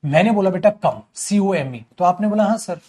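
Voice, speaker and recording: A man with a high-pitched voice teaching English grammar in a Hindi accent. He poses questions to his students and answers them himself, calling them "beta" in a steady lecture rhythm. It sounds like a classroom lecture. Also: moderate pace.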